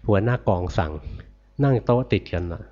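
An older monk giving a dharma sermon, gentle and repetitive, often asking his listeners questions and answering them himself. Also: medium pitch, animated, normal speed, dull audio. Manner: gentle, repetitive, ends phrases with soft particles. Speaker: Buddhist monk teacher.

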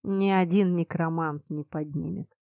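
A grim young prince, as a woman narrator puts him on, hoarse and quiet with cold restraint. The voice sits low and soft in a dry, close storybook reading. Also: fairly even intonation, unhurried, no room sound.

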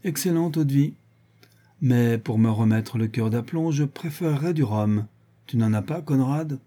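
A man's voice: mid-range voice, normal speed, close to an everyday voice. A man voicing a brutal, drunken, grandiose male villain who rants and hurls insults, in an audiobook reading. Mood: exalted. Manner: ranting, exalted, shouting insults.

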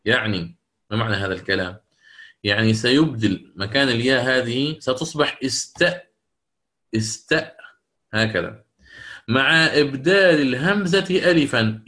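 A man teaching Quranic recitation rules in a lecture, explaining step by step, asking questions back and slowing into drawn-out chanted recitation for the examples. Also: mid-range voice, sharp tone.

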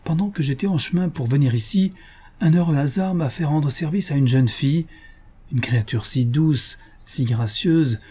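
A man's voice: a little high, normal speed, warm tone, slightly rough, voice pushed up. A man voicing an impetuous young man of about twenty in an audiobook, eager and impulsive. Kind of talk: audiobook character reading.

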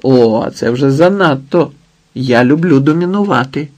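A man's voice: mid-range voice, expressive, a little slow, a little mellow. A man reading the eager, leering lines of a pushy, lecherous bald man.

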